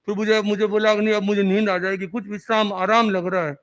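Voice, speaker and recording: A man's voice: sits high, little pitch movement, fast, fairly bright tone. A man, a monk, giving an earnest, reverent memorial speech that recounts remembered conversations. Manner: earnest storytelling, acting out remembered dialogue; reverent, devotional. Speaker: Jain monk.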